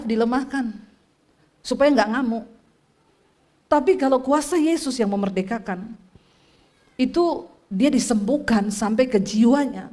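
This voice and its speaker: A middle-aged woman pastor preaching a sermon, telling stories with lively swings in pitch and loudness and speaking directly to the congregation.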